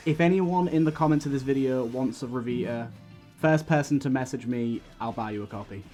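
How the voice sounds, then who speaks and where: A man's voice: mid-range voice, a little fast, darkish tone, soft background music. A man in his twenties hosting a podcast, talking casually with emphatic enthusiasm. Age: 20s. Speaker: podcast host.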